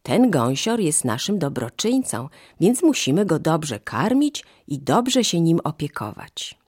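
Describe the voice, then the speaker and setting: A woman's voice: deep voice, sing-song, a little slow, a little mellow, husky, dry recording, studio quality, heavily acted. A woman voicing a poor, doubting mother who speaks in a skeptical but practical way. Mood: doubtful.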